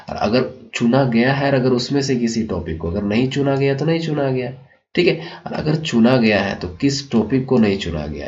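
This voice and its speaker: Low-voiced man explaining a syllabus. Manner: repeats "ठीक है" and addresses children warmly, explanatory. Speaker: teacher. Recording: dull lo-fi sound.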